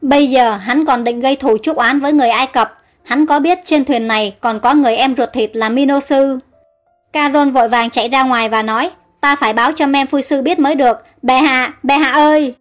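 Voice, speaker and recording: Rich: A gentle young queen frets and pleads in a high, light voice, as a woman reads her part. Soft music plays faintly underneath. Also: fairly even intonation, fairly quick, close to an everyday voice. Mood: worried. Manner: worried, pleading.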